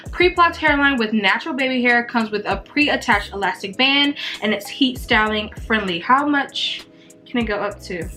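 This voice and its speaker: A woman's voice: high-pitched, bright, forceful tone. A young woman talking casually and upbeat to camera as a beauty vlogger, chatting with little asides. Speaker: beauty vlogger reviewing wigs. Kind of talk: casual vlog talk to camera.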